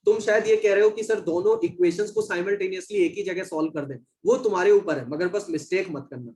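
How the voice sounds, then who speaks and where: A man's voice: sits high, fast talker, a little mellow, poor audio. A man teaching a live online maths class, calling his students "beta" and "bhai" and reading their chat messages aloud.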